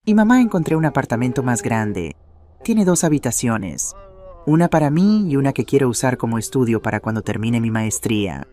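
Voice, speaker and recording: A man's voice: medium pitch, big pitch swings, moderate pace, dark tone, lightly acted. A man doing an earnest grown son.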